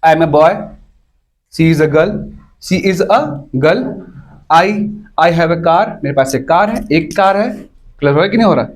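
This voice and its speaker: A man's voice: fairly high pitch, measured pace. A man teaching an English grammar class to students, explaining step by step and often stopping to ask whether everyone has understood. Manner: keeps checking whether students follow, repeats points.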